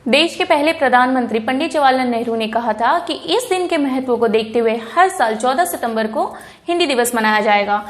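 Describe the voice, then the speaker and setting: High-voiced woman giving a school speech. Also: roomy sound. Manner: explanatory, lists examples slowly. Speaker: school teacher. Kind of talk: Hindi Day speech.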